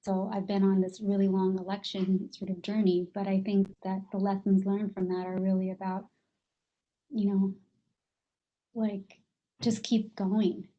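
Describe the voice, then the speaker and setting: A woman's voice: mid-range voice, flat delivery, a little slow. Hesitant woman, dull lo-fi audio. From South Korea. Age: adult with a child. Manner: hesitant, many fillers and restarts. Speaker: panelist. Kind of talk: open panel discussion.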